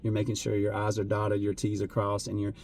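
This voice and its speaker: A man talking earnestly and emotionally to camera as a vlogger, halting, with many fillers and restarts. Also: lowish voice, monotone, darkish tone, a little hiss or hum. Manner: emotional, voice wavering at times. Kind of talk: heartfelt unscripted talk to camera.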